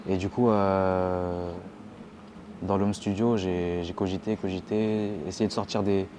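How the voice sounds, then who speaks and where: A young man with a somewhat low voice talks in a halting, slangy way, often trailing off and restarting his sentences. He sounds like a guest in a relaxed interview. A steady hiss of background noise sits under his voice. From Rennes, France. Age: young adult. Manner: hesitant, many fillers and restarts, slangy. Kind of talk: casual interview chat.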